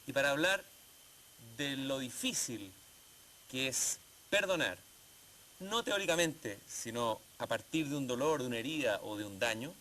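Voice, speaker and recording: Man, interview host, measured, slow stretched phrasing, faint hiss. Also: mid-range voice, animated, bright, forceful tone. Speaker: TV program host. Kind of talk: interview hosting.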